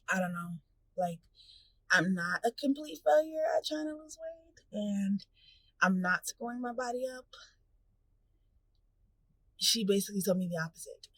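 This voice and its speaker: A woman's voice: lowish voice, slightly rough, low-quality recording. A woman in her thirties talking casually to her camera as a vlogger, candid and full of fillers. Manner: chatty, candid, filler-heavy; hushed, nervous whispering in waiting room. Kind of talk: casual vlog chat.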